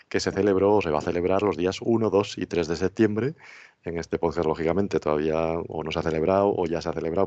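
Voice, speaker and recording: A man's voice: low voice, darkish tone. A man with an accent from Spain, chatting casually as a podcast host. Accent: Spanish from Spain. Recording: dull, roomy sound.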